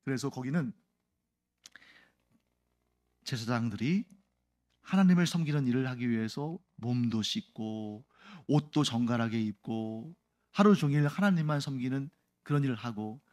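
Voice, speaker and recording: A man's voice: medium pitch, moderate pace, a little mellow. A male pastor giving an explanatory Sunday sermon, often putting questions to the congregation.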